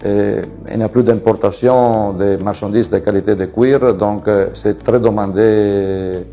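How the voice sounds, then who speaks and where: A man with an Italian accent talks about his businesses in a low, warm voice. He pauses on fillers and restarts his sentences often. Faint music plays behind him. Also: fairly even intonation, dull audio. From Venice region, Italy. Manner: halting, many fillers and restarts. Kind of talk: presenting his company to camera.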